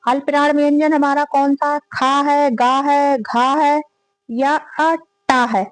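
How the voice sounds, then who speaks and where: A woman's voice: sits high, little pitch movement, slow, dry recording, rough recording. A woman teaching a grammar lesson, reading out quiz questions and going through the answer options one by one. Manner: reads each question then lists and repeats the options aloud.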